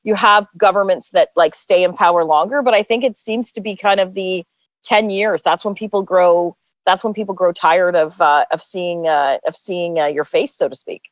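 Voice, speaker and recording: A woman's voice: lowish voice, normal speed, no echo. Female panelist, easygoing, hedging delivery, dry recording. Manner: conversational, hedging with "I think". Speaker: political panelist. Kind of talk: casual panel chat.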